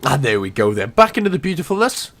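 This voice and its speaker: Man, game walkthrough commentary, ill with a cough, jokey, animated, wide-ranging pitch. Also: quick pace, loud music behind the voice. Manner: jokey, animated, self-mocking asides. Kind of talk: casual gameplay commentary.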